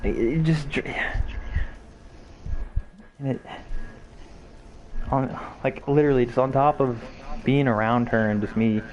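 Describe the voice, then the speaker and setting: A man's voice: mid-range voice, highs cut off, a little hiss or hum. Rambling, swearing young man chatting. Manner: rambling, swearing, many fillers and restarts. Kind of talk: casual chat while gaming.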